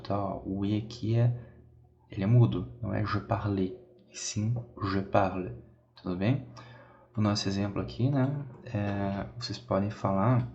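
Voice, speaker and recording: A man's voice: on the low side, a little mellow. A Brazilian man with a Brazilian Portuguese accent, teaching a beginner French lesson step by step and often checking in with his students. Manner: explains step by step, repeats phrases, checks in with "tá?". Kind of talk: bilingual language lesson. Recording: dull lo-fi audio.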